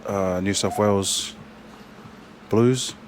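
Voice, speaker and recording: Here a young man from New Zealand, who plays rugby, answers questions in an easygoing interview, his speech halting and full of restarts and filler words. The pitch is fairly low, and a little hiss or hum can be heard.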